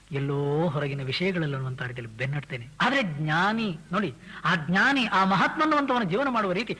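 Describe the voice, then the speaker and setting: A man with a high, bright voice delivers a spiritual discourse, explaining verses to his listeners as their teacher. He slows right down to recite each verse, drawing the lines out, then returns to plain explanation full of rhetorical questions. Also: slightly rough, rough recording.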